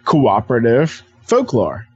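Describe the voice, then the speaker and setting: A man appears as a guest on a podcast, though he co-hosts his own show, eagerly explaining things in a casual interview chat. His mid-range voice is slightly rough and unhurried, with huge pitch swings. The recording is muffled, with no room sound.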